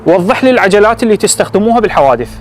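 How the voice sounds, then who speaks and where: A man's voice: high-pitched, expressive, racing, slight background noise. A man with an Iraqi Arabic accent questioning suspects on camera in commanding, clipped prompts. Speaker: police interviewer presenting the case.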